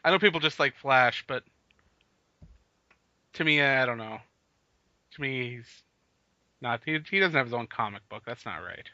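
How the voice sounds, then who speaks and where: Bright-voiced man co-hosting a podcast. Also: mid-range voice, expressive, moderate pace, pauses often, dry recording. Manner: leads the talk, laughs often. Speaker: podcast co-host. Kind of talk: casual sports chat. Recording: dull lo-fi podcast audio.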